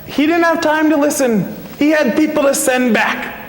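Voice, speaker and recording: Male minister-storyteller, high voice, playful; recorded in a church hall with long reverb. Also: normal speed, slight background noise. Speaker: intern minister. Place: large church sanctuary.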